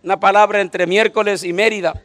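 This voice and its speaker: This preacher in his 50s has a high, slightly bright voice with a steady tone and a fairly quick pace. Delivering a humorous sermon, he keeps asking the congregation "right?" to draw their agreement.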